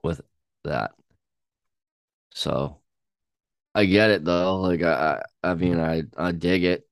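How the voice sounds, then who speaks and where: Man, very low voice, smooth and clear, dry sound, hesitant casual chat. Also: dry recording. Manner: hesitant, halting, many ums and restarts. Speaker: podcast co-host. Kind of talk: casual chat reacting to songs.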